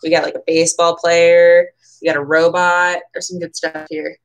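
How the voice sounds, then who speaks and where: This American woman in her twenties has a lowish voice and a flat delivery at a moderate pace, though she still reads the children's picture book expressively. As a bookseller at a storytime event, she mixes in casual, chatty asides from a small room at home.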